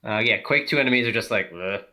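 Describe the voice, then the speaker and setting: A man's voice: mid-range voice, fast talker, sharp tone. A man giving loose, profane developer commentary on a game stream. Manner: loose and profane, lots of fillers. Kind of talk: casual dev commentary chat.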